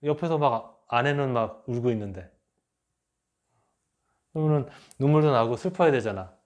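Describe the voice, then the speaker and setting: A middle-aged man teaches in a lively, animated way, acting out the remarks he quotes. He speaks at an ordinary pitch for a man. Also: moderate pace. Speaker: lecturer. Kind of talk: enneagram lecture.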